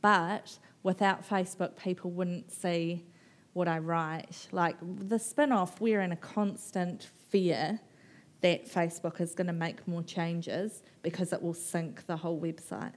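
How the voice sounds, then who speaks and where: A woman's voice: fairly low pitch, fairly even intonation, a little slow. A woman author in her thirties from New Zealand, talking animatedly and rambling at a live festival conversation, laughing and mimicking people. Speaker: author guest.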